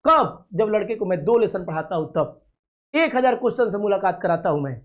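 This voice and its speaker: A male coaching teacher with a fairly high voice walks students through exam questions. He coaxes them along, calls them his dear children and keeps checking that everything is clear. He sounds sure of himself and makes promises with full confidence. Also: lively intonation, brisk. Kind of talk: classroom-style reasoning lesson for video.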